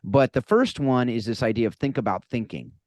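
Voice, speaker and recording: A man's voice: medium pitch, a little fast, darkish tone, no room sound. A man hosting a podcast, talking casually with many restarts and asides. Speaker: podcast host. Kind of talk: casual interview chat.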